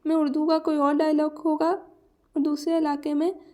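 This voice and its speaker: A Pakistani woman teaching a lesson on pronunciation, reading English points slowly and then explaining them in Urdu. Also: sits high, little pitch movement, a little mellow.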